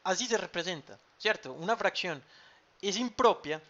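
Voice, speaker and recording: Male math teacher, bright voice, dull lo-fi mic, patient and repetitive. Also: high-pitched, lively intonation, normal speed. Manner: patient, repeats key terms with frequent ¿cierto?. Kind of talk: online math class. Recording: dull lo-fi sound.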